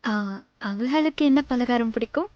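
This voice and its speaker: An actress playing a shy, gentle young village bride-to-be in a TV serial. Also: female voice, a little high, normal speed, no echo, muffled recording, lightly acted. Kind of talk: TV serial acting. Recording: music under dialogue.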